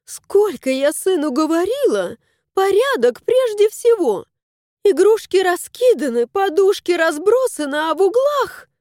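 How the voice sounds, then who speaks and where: A fussy, house-proud middle-aged woman who exclaims in shrill, indignant bursts, as a storyteller puts her on. Her pitch leaps high and swings widely. The recording is dry. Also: sing-song, a little slow, a little mellow, no room sound, full character voice.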